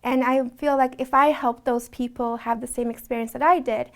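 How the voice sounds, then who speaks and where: High-voiced woman, earnest interview. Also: steady tone, normal speed. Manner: earnest, conversational, with frequent restarts. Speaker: interviewee in an immigration documentary. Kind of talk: reflective documentary interview.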